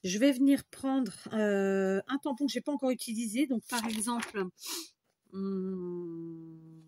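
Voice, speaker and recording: A woman's voice: medium pitch, takes it slowly, dark tone, no echo. A woman hosting a casual crafting tutorial, chatty and thinking aloud as she works, sometimes talking to herself.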